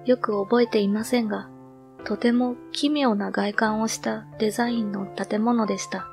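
A woman reading a horror story aloud in a calm, measured, hushed manner. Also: a little high, gravelly, faint music behind. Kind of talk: scripted horror narration.

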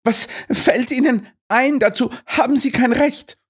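A man voicing a shrill, flustered female lab assistant. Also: unhurried, slightly rough, full character voice. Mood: indignant. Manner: shrieking, indignant.

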